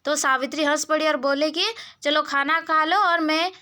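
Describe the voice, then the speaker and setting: A woman's voice: high voice, fairly even intonation, normal speed, pushed and bright. A woman teacher retelling a story to schoolchildren in Hindi-accented speech, often restarting and turning to the children with asides.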